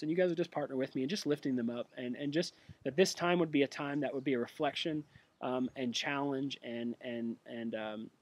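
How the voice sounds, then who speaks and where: A young man who has been sick, giving an earnest, halting spoken update with many restarts. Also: mid-range voice, a little mellow. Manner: earnest and prayerful. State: sick with a cough. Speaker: missionary giving a monthly update.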